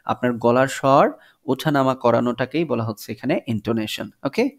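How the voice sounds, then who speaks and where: In a video lesson from an English textbook, a man with a medium-pitched voice reads English lines slowly, then explains them in Bengali.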